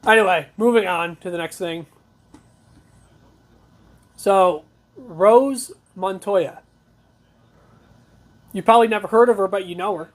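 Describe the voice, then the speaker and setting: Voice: medium pitch, measured pace, long pauses. A talk show host giving blunt, conversational news commentary, reading reports aloud with opinionated asides.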